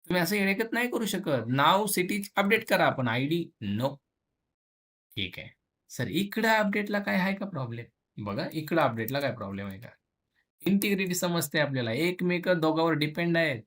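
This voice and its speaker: A programming teacher keeps his casual lesson chatty and colloquial, borrowing English phrases and briefly performing as the tables and students. His slightly high voice is expressive and a bit bright.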